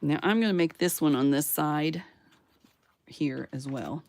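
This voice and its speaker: Her voice sits low and a little slow, with a darkish tone. This craft channel host keeps up a chatty running commentary for herself and her viewers while working through a casual tutorial, tossing in playful sound effects and small cheers for herself.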